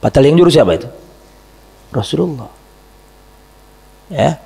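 A man's voice: a little high, moderate pace, vocal fry. A man giving a storytelling religious lesson, quoting Arabic and explaining it, and asking his audience questions. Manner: recites Arabic phrases then explains them in Indonesian; lively storyteller who asks the audience questions. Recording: echoey hall with long reverb.

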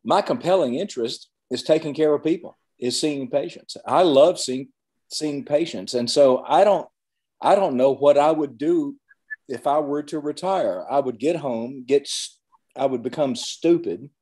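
An older male physician with hiccups, interviewing gently and haltingly over a video call from a cabin. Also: on the high side, slightly rough. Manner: gentle, halting, many restarts.

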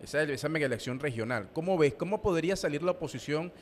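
A man interviewing a guest, his questions searching and slightly hesitant. His voice is a bit high and carries a long echo. Faint noise sits underneath. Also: expressive, fast talker. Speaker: co-host, interviewer. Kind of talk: political interview.

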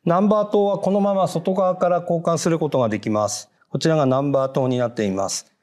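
A man giving a polite, measured, step-by-step how-to narration on fitting car parts, marking each step with a short "hai". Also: a little high, darkish tone. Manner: polite, measured, repeats "hai" between steps. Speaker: product installation instructor.

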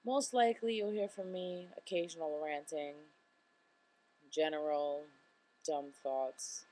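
A woman's voice: sits low, darkish tone, low-quality recording. A young woman talking casually into her webcam at home, rambling and self-deprecating, admitting she mumbles. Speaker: vlogger. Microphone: webcam microphone.

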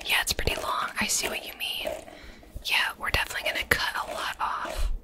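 Casting: woman for whispered role-play as a reassuring hairdresser, soft ASMR whisper, short repeated phrases. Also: a little fast. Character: attentive, reassuring hairdresser tending a client. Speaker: ASMR performer playing a hairdresser.

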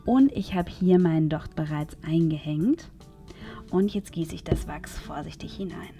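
A woman calmly explaining a crafting project step by step, as host of a tutorial video. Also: deep voice, measured pace, soft background music. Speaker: DIY channel host.

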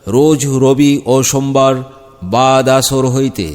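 Man announcing over a loudspeaker, booming reverb. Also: little pitch movement, clean tone, soft background music. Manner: formal, measured public-address delivery. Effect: announcement sounding through a loudspeaker with long reverb. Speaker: event announcer.

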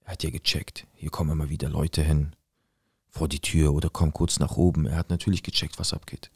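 A man's voice: extremely low pitch, flat delivery, a little fast, gravelly, darkish tone, slightly rough. A man casually telling his own story in first person, in plain, direct street slang, acting out what people said. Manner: acts out quoted lines in the tale.

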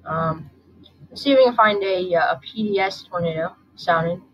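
A channel host with a sore throat, freshly awake, gives a casual weather forecast at a moderate pace, musing aloud along the way. Her voice is fairly low, and the dull lo-fi audio carries soft music and a little hiss or hum.

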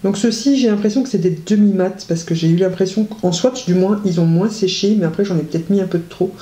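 Reviewing makeup on her vlog, a woman talks in a chatty, excited way, pausing with many hesitations and gushing praise. Her mid-range voice is mellow and fairly quick, set in a recording with roomy echo.

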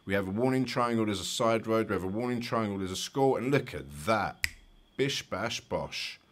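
A man's voice: fairly low pitch, a little fast. A man with a London accent, a driving instructor giving chatty, explanatory commentary over driving test footage with light jokes.

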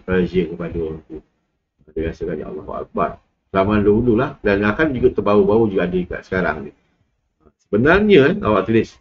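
A man's voice: fairly low pitch, darkish tone, lo-fi sound, a little hiss or hum. A man with a Malaysian accent lecturing a class in a casual, rambling way, full of fillers and asides. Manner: rambling, with many fillers and laughs.

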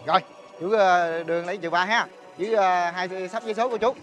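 A young actor with a Southern Vietnamese accent, playing a smooth-talking swindler who coaxes and chuckles his way into a deal. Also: high voice, fairly even intonation, fairly quick, over music, lightly acted. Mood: persuasive. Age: young adult. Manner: persuasive, coaxing, chuckling often. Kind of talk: TV drama acting.

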